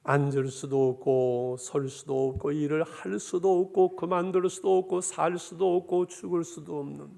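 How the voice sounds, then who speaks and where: A man's voice: a little high, vocal fry, darkish tone. A man, a pastor, delivering a sermon and addressing his congregation directly, with swells of emphasis.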